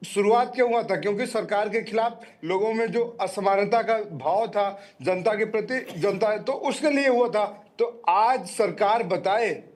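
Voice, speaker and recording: Sarcastic, high-pitched male debater. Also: a little slow, hardly any pauses, a little mellow. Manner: sarcastic, rhetorical lists and questions. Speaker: political party spokesman. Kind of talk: argumentative TV debate.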